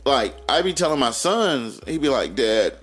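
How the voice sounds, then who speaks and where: Animated Southern man telling stories. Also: fairly high pitch, moderate pace, slightly rough, faint music behind. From North Carolina, US. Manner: animated, laughing storyteller who acts out his sons' lines. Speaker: podcast co-host. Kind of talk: casual storytelling chat.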